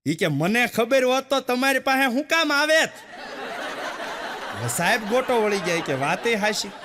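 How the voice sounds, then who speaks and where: A man's voice: very high-pitched, big pitch swings, measured pace, sharp tone, big-room sound. A man from Gujarat, telling village jokes on stage and acting out both sides of each exchange. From Gujarat, India. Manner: tells village jokes with quoted dialogues, repeats punchlines. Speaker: stand-up comedian. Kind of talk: folksy stand-up joke telling. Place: stage show before an audience.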